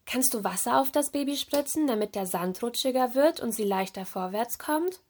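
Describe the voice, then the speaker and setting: A woman reading aloud, voicing a kind-hearted young mermaid girl in a raised, bright girlish voice. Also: fairly high pitch, lively intonation, normal speed. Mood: eager.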